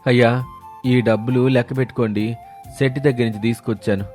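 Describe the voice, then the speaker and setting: In an animated moral story, a man plays a humble servant who grumbles in puzzlement while staying respectful to his master. His medium-pitched, natural voice moves fast, with faint music behind him.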